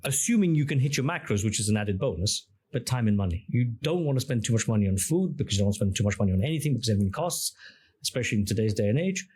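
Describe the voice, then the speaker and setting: In a conversational podcast interview, a middle-aged engineer and app founder who grew up speaking Greek talks at length. His medium-pitched voice is expressive, a little mellow and rapid-fire, and he develops his ideas through questions and examples.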